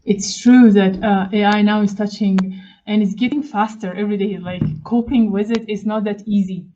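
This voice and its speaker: A woman's voice: mid-range voice, steady tone, moderate pace, warm tone, dull audio, slight background noise. A woman hosts an interview over a video call and sets up her questions at an easy pace. She hesitates often, filling gaps with "uh" and "actually" as she frames each question for her guest. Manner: hesitant, leaning on fillers and "actually". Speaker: podcast host. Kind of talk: casual interview conversation.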